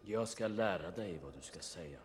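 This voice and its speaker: God, deep and grave. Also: male voice, expressive. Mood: solemn. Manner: slow and grave, from hushed whispers to booming commands. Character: God, a deep, solemn, commanding divine voice. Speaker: God in an animated film dub. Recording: film soundtrack with loud music behind.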